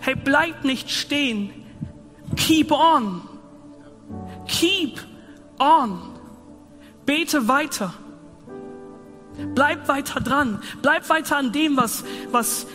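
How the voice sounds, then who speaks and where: A man's voice: very high voice, expressive, slow pace, pauses often. A man preaching a sermon in a casual, youthful way, mixing in English slang. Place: church hall. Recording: reverberant hall with music behind. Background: music.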